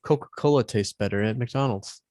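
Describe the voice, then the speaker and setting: A man co-hosting a podcast in casual chat, joking, swearing, and chiming in with quick agreement. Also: medium pitch, darkish tone, dry recording. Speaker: podcast co-host.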